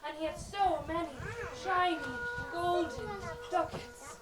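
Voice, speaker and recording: Lady telling a fairy tale, really high voice, noisy and far off. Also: slow pace. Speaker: storyteller. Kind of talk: expressive storytelling. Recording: roomy, distant, noisy.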